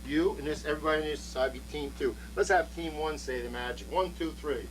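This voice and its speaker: A man's voice: on the high side, brisk, soft background music, poor audio. A man working as a children's party magician, giving showy magic patter, coaxing the young audience and counting aloud on an amateur home video. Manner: coaxes audience, counts aloud, theatrical presenting.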